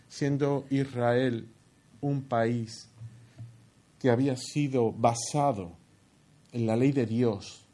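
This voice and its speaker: A man's voice: medium pitch, warm tone. A man preaching a sermon, explaining a Bible passage with rhetorical questions and frequent "¿no?" tags. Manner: expository, asks rhetorical questions, tag "¿no?". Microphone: headset earpiece.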